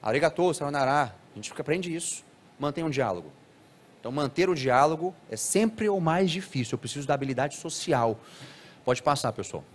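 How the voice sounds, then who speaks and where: A man giving a live talk to an audience, animated and now and then acting out children's speech in a higher voice. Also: a little fast.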